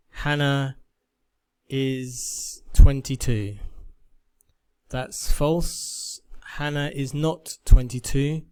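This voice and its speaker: A man teaching a beginner English lesson, reading example sentences and verb forms in a careful, measured way. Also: mid-range voice, a little mellow, clean tone.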